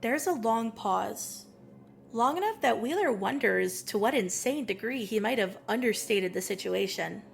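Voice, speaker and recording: A woman's voice: on the high side, a little slow, creaky. An actress playing an emotional young woman who reads a story aloud and is easily moved. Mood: narrating. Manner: expressive, easily moved to tears. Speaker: story reader.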